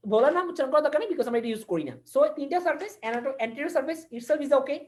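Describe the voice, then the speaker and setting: A woman gives an online anatomy lesson in a quick, animated voice that sits a little high. She repeats key terms and keeps asking her listeners whether they follow. The sound comes over a video-call mic. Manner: mixes English terms into speech, repeats key words, quizzes listeners. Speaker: anatomy lecturer.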